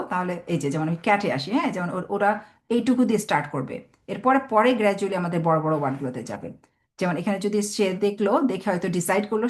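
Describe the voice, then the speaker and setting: Woman teaching parents in a webinar. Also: medium pitch. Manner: patient, explains step by step, sounds out words slowly.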